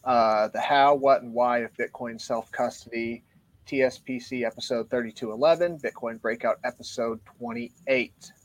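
A man, a guest on a podcast, explaining his view in casual discussion, earnest and a little out of breath. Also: medium pitch. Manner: earnest, explanatory, reads from show notes. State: a bit out of breath.

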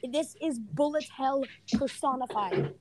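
A woman's voice: high voice, a little slow, a loud crowd, low-quality recording. A woman co-hosting a podcast in casual chat. She is emphatic and opinionated, cuts in over her co-host and lays out game strategy step by step. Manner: emphatic, opinionated, jumps in over the other speaker.

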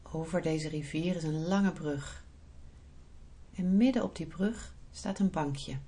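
A woman podcast host guiding a relaxation visualisation in a soft, soothing, unhurried manner. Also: low-pitched. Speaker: podcast host, breathing therapist and yoga teacher.

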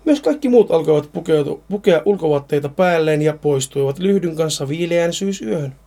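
Man reading a horror story aloud, mellow. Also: a little high, animated. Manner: stumbles and repeats words while reading.

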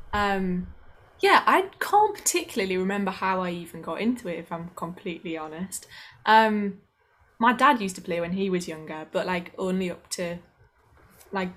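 Woman, Northern English accent, podcast guest, relaxed filler-heavy chat. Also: mid-range voice. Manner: chatty, lots of fillers. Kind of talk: casual chat.

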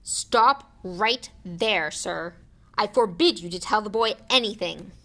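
A woman voicing a pompous, bossy storybook uncle who commands loudly and in a panic. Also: mid-range voice, slow. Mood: panicked commanding. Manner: loud, commanding.

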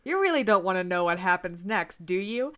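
A woman podcast host with a fairly low voice and a fairly bright tone talks briskly and very animatedly. In a casual book discussion, she wryly recaps the plot and reads passages aloud with amusement.

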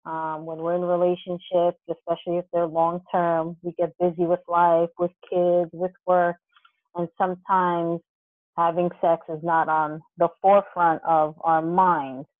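Podcast sex coach, woman, lowish voice, loose unhurried delivery full of ums, heard over a thin phone-like line. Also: dry recording. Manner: relaxed, thinking aloud with many fillers. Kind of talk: casual podcast talk.

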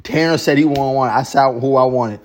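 A man's voice: medium pitch, steady tone, fairly quick. A young man hosting a podcast, telling stories in casual, profane slang, often breaking into laughter. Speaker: podcast host. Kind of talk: casual chat, storytelling.

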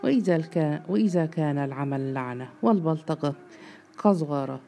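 A man's voice: fairly high pitch, vocal fry, mellow. A man putting on a sly, taunting neighbor. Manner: mocking, feigned seriousness, quick.

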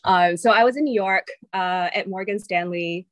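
A woman in her thirties from Singapore speaks in a mid-range voice at normal speed on a dry recording. Appearing as a venture capital partner guest in an interview, she chats casually with plenty of ums and likes, her accent shifting between Singaporean and American English.

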